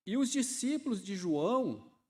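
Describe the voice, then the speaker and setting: A man, preaching a sermon in a chatty style that swells into loud, fervent emphasis. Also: high-pitched, very animated, a little slow, husky. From Ceará, Brazil. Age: 50s. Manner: conversational preaching, often adds "né", builds to loud fervent emphasis.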